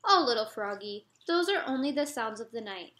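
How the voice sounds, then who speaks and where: A woman voicing a tired, patient frog father in a storybook read-aloud, soothing and gently weary. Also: on the high side, lively intonation, normal speed, reverberant.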